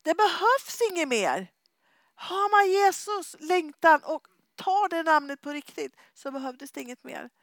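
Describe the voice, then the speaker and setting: A middle-aged woman preaching and telling a story, lively, acting out the people she quotes and dropping to a whisper at times. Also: very high voice, no echo. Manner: lively, acts out quoted voices, drops to whispers. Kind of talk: animated sermon storytelling.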